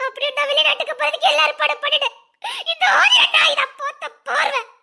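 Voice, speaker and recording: A betrayed young pregnant wife in a TV serial, weeps and shouts her accusations in a very high, piercing voice. Her anger comes out through bitter, tearful laughs. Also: fast, creaky, heavily acted. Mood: anguished. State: crying. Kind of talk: TV serial acting.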